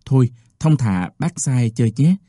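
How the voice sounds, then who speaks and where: A man's voice: mid-range voice, expressive, moderate pace, mellow, no room sound, clean studio sound, lightly acted. A man voicing an old village midwife who talks in a curt, scolding way. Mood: matter-of-fact.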